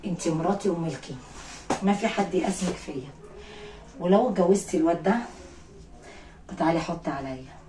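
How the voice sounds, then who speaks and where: A woman with an Egyptian accent voicing a possessive male jinn king who speaks in a low, pressing murmur. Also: fairly quick, long pauses, echoey room, recorded from a distance, lightly acted, low-quality recording.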